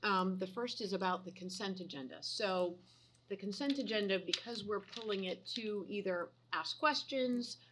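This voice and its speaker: A woman councilor questions procedure in a council chamber, her voice bright and forward at a mid pitch. She circles her point with restarts and frequent "like" fillers. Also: moderate pace, slight background noise. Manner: probing, restarts and many "like" fillers. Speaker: city councilor.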